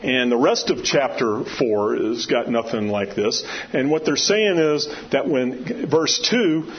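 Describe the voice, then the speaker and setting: Speaking slowly in a loud, carrying, medium-pitched voice, a preacher teaches scripture at a Bible study. His informal sermon is conversational and emphatic, combining readings with personal asides and regular questions to those listening. It's captured as dull lo-fi audio with clear background noise.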